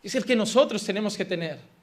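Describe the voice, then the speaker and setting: A man's voice: high voice, animated, a little fast. A man pastor with a Spanish accent from Spain, preaching an impassioned, emphatic sermon full of repeated phrases.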